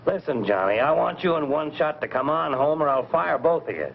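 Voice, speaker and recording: An American actor playing a gruff, sarcastic, skeptical newspaper boss in 1940s B-movie style. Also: male voice, fairly high pitch, animated, fairly quick. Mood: sarcastic, exasperated. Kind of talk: 1940s B-movie film acting. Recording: muffled, crackly vintage film soundtrack.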